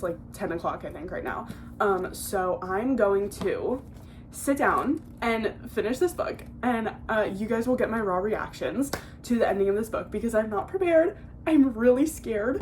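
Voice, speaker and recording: A woman's voice: mid-range voice, darkish tone, slight background noise. A teenage girl talking casually and emotionally at home about a book she is reading, full of fillers. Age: teens. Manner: gushing, emotional, filler-heavy. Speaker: book vlogger.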